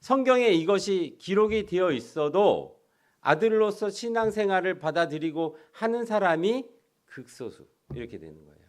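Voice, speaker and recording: Man, pastor, sermon, middle-aged, higher voice, very animated intonation, self-answered questions. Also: normal speed. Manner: rhetorical questions answered himself, swings between loud emphasis and quiet asides.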